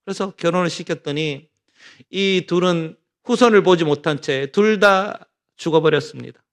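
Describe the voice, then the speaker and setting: A man's voice: on the high side, moderate pace. A middle-aged male pastor from North Gyeongsang giving a Bible study sermon, telling stories and asking the congregation rhetorical questions. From North Gyeongsang, Korea. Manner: animated storytelling with rhetorical questions.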